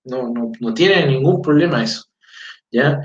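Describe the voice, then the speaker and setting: A man's voice: mid-range voice, unhurried. A Chilean man teaching his language in casual talk, checking in with listeners and reading out greetings. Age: adult with a four-year-old daughter. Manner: conversational, fillers, frequent "¿ya?" checks. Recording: roomy, distant, dull lo-fi sound.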